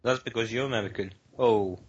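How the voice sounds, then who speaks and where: A man's voice: on the low side, brisk, slightly rough, highs cut off. A man co-hosting a casual gaming chat, full of cheeky, crude banter. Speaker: podcast co-host.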